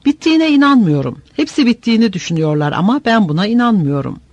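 A man's voice: sits high, big pitch swings, quick pace, no echo, highs cut off, pitched above the performer's own voice, full character voice. A man reading an audiobook, voicing a weary, doubtful male soldier who talks grimly and insistently. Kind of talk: audiobook character voice.

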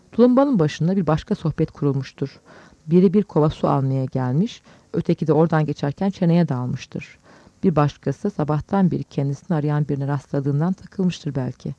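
A man calmly reading literary prose aloud as an audiobook narrator, in a measured way. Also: on the high side, vocal fry, dry recording. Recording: dull lo-fi dry recording.

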